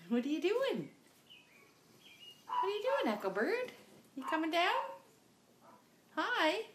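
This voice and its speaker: A woman talking baby talk to her pet bird in a coaxing, sing-song way at home, in an echoey room with loud noise. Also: very high-pitched, sing-song, slow. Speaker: pet owner. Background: dogs barking.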